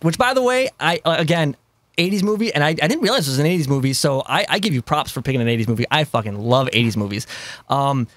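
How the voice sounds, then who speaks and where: A man hosting a casual movie podcast, talking animatedly with frequent swearing and quick laughs. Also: fairly high pitch, dry recording. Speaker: podcast host. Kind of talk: casual chat.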